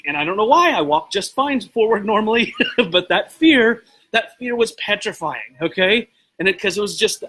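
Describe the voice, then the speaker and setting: A man hosting a live video show, telling a story to his viewers in a rambling, excitable way and stopping to greet people by name. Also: on the high side, low-quality recording. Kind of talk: casual motivational talk to live viewers.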